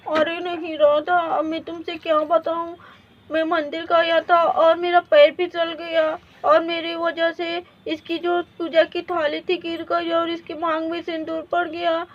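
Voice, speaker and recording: A woman's voice: very high-pitched, level tone, a little slow. Lady voicing a jumpy young village husband in a storybook tale, pleading and flustered, dull lo-fi sound. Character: young male village husband, clumsy, scared of his wife. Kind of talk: storybook voice acting.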